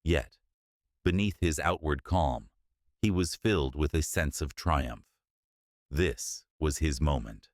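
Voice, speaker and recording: Very deep-voiced male story narrator. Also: takes it slowly, no echo, clean studio sound.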